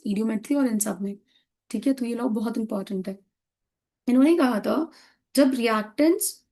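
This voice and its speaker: A woman's voice: on the high side, mellow. A woman teaching a chemistry lesson, speaking, patiently asking questions and answering them herself. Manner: patient, asks and answers own questions, calls students "beta". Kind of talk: classroom lecture.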